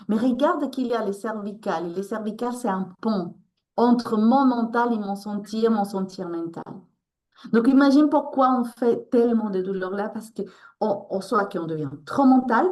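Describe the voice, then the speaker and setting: A woman's voice: mid-range voice, darkish tone. A woman with a Spanish accent, a resilience coach speaking earnestly in an interview, often restarting as she searches for words. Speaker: guest, resilience coach and therapist. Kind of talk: emotional interview talk.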